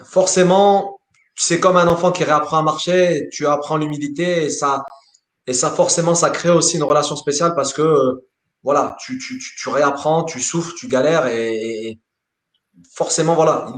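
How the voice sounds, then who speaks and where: A man, a sports coach, answering interview questions in a lively way, often repeating words as he thinks. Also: a little high, moderate pace. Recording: roomy echo.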